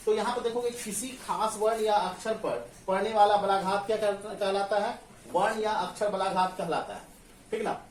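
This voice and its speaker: A man teaches grammar in a classroom and keeps asking the students whether they understand. His voice carries through an echoey room. He stands some distance from the mic, with a faint hum of ambience behind him. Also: high-pitched. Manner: asks the class questions and answers them himself, often checks "clear?".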